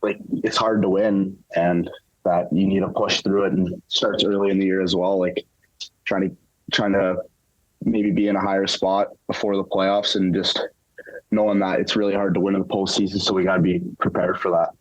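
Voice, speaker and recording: A young man with a very deep voice gives relaxed, halting answers full of fillers. His audio sounds dull and lo-fi. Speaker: interview guest, hockey player. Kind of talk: casual interview answers.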